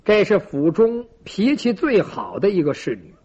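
A man's voice: high-pitched, sing-song, moderate pace, a little mellow, husky. A man telling a traditional story dramatically, with sound effects and asides to listeners, in a lo-fi recording. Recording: lo-fi dull recording.

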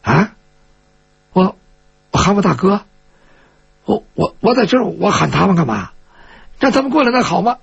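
A man's voice: sits high, sing-song, normal speed, gravelly, pauses often, breathy edge, highs cut off, full character voice. A man storyteller voicing a cowardly young bandit who stammers and pleads with a sword at his belly. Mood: flustered.

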